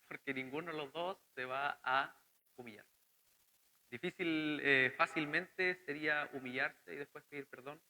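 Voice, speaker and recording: A man's voice: fairly high pitch, bright, forceful tone, poor audio. A young man with a Chilean Spanish accent preaching a sermon, earnest and conversational, asking the congregation questions.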